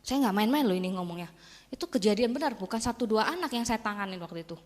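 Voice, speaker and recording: A woman giving a motivational talk, telling animated stories and acting out the voices of the people in them. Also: mid-range voice, fast. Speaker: motivational speaker. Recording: long hall reverb.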